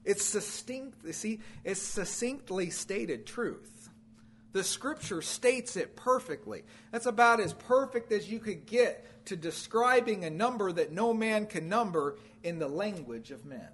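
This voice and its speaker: A man preaching a sermon in an unusually high, bright voice, taking it slowly and deliberately. He hammers points through repetition, rising to loud declarations and sinking to low, quiet endings. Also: animated, breathy edge.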